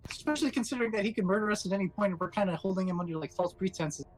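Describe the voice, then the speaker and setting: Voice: medium pitch, racing, over music, poor audio. A tabletop player who talks in a flustered way, full of stammering restarts. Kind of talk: casual tabletop play.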